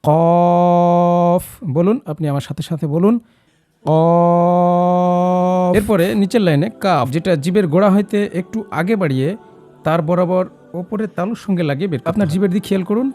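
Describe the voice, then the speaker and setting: A man's voice: a little high, warm tone. A man teaching Quran recitation step by step, patiently modelling each letter sound and encouraging the listener to repeat after him.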